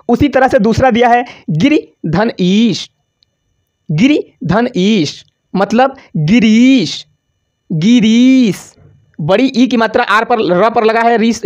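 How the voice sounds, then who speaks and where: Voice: medium pitch, a little mellow. A grammar teacher giving an exam-prep lesson over slides, asking the class questions and answering them, stretching out syllables on examples and repeating key words. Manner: casual, addresses students as "bhaiya".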